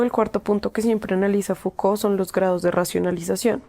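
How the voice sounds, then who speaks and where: A woman's voice: medium pitch, mellow. A young woman with a cold hosting a podcast, talking steadily through prepared points and then interviewing a guest. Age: young adult. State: has a cold. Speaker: podcast host, psychology student. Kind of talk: scripted podcast monologue and interview.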